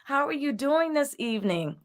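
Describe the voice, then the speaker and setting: A woman's voice: sits high, very animated, normal speed, background noise. A woman in her late thirties hosting a casual live chat show over a video call, upbeat and affirming. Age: 30s. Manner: upbeat, affirming, repeats "I love it". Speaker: host.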